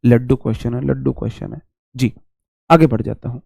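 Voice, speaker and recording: A young man runs a live online grammar class, chatty and teasing, mixing Hindi in as he reads student questions aloud. His medium-pitched voice is fairly quick, creaky and dark with a breathy edge, recorded dry and studio-clean.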